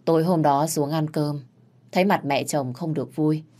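A woman narrating a family drama in the first person, calm and quiet. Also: deep voice, moderate pace. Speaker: storyteller.

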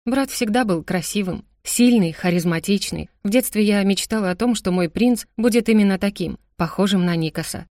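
A woman's voice: mid-range voice, normal speed, few pauses, darkish tone, dry recording, studio quality. A woman narrating a romance audiobook in the first person, in an emotional, dramatic reading style.

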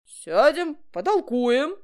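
A woman voicing a crafty, jovial older man with a loud, coaxing way of talking, in a storybook reading. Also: high voice, very animated, takes it slowly, pitched above the performer's own voice, heavily acted. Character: sly folksy older man, cheerful old worker.

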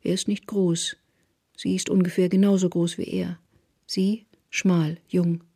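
Husky, hushed radio drama narrator. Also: medium pitch, level tone, no room sound, studio quality. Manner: measured, often hushed to a whisper.

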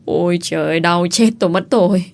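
A woman's voice: lowish voice, brisk, creaky. Wailing scheming village woman, as a woman reads her. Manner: loud, wailing, pleading.

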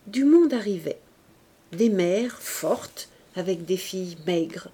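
A woman's voice: fairly low pitch, breathy edge. Woman narrating a classic novel. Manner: measured, expressive. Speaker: audiobook reader. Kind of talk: literary audiobook narration.

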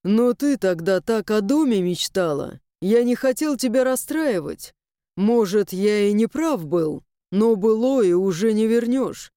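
Brief: woman doing stern young man, storybook, lower and measured, mellow smooth tone. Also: animated, dry recording, studio quality, lightly acted. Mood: lecturing. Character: stern young man Inamir, proud and protective. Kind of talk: audiobook character voice.

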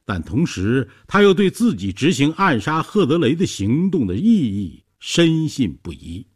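A man reads a scripted story in a measured way, apparently in a studio. His slightly husky voice has a sing-song quality, with the pitch rising and falling through each sentence.

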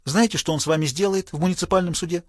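A man's voice: sits high, no echo, clean studio sound, voice pushed up, lightly acted. A man reading an audiobook, playing a keen young police sergeant hurriedly warning his superior. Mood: urgent. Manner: brisk, urgent.

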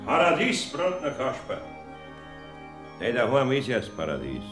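An actor playing a genial, dignified old saint who welcomes souls in a radio play, avuncular, with a Bavarian accent. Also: male voice, medium pitch, huge pitch swings, normal speed. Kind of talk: German dialect radio play. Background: music.

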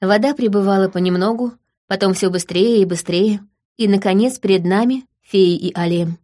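A woman narrating an audiobook in the first person, in a calm storytelling manner. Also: medium pitch, moderate pace.

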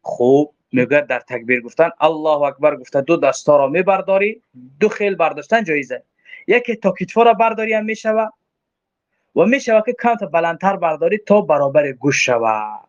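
A man with a Tajik accent explains a religious text, passage by passage, in a fairly high voice. He poses his own questions and answers them. The recording is dull and lo-fi. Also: animated. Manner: quotes Arabic then explains, asks himself questions. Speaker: religious teacher.

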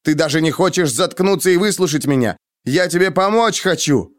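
A man's voice: medium pitch, animated, moderate pace, dry recording, studio quality, natural voice. A man doing a hot-headed, defensive young man. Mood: angry. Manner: heated, shouting, biting. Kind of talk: audiobook character reading.

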